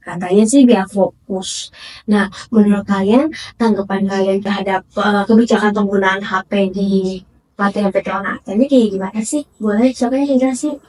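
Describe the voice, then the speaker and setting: A woman's voice: mid-range voice, steady tone, normal speed, darkish tone, recorded from a distance, rough recording. A woman hosting a casual interview, chatty and upbeat with frequent fillers. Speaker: host.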